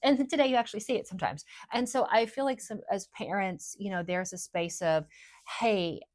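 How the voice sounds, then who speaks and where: A woman hosting a podcast, talking in a casual, emphatic and animated way. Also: medium pitch, fairly quick. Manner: emphatic, animated storytelling with acted-out quotes. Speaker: podcast host.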